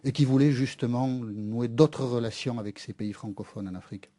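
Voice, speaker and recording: A man interviewing a guest on radio, asking brisk, pointed questions. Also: mid-range voice, mellow, dry recording.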